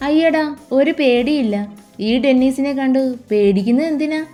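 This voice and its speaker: A woman's voice: high voice, moderate pace, mellow, soft background music, pitched above the performer's own voice, lightly acted. A woman voicing an affectionate young husband who teases his wife with coaxing endearments. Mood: teasing, fond.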